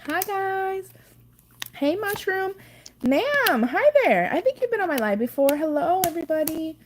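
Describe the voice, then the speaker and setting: A woman's voice: very high voice, very animated, unhurried, a little hiss or hum. A woman from Cuba hosting a casual late-night livestream from home on her phone, tired and ready for bed, greeting viewers by name and swearing casually as she chats. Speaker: livestream host.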